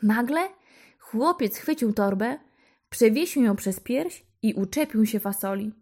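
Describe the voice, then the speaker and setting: A woman reading a fairy tale to children in a gentle, unhurried storytelling manner. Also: a little high, lively intonation.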